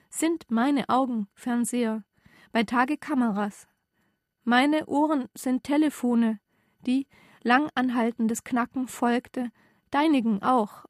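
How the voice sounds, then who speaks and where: A woman reading her first-person story aloud in a measured, deadpan way, recorded close to the mic. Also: fairly high pitch, dry recording. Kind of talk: literary reading.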